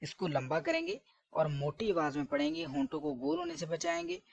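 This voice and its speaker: A man's voice: very high-pitched, expressive, brisk, creaky, no room sound, highs cut off. A man teaching letter pronunciation, correcting common mistakes and repeating each sound several times. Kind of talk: Arabic letter pronunciation lesson.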